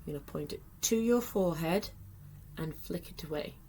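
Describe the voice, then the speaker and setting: A woman's voice: low voice, expressive, normal speed, warm tone, slight background noise. A woman teaching sign language in a friendly tutorial, explaining patiently step by step with the odd filler.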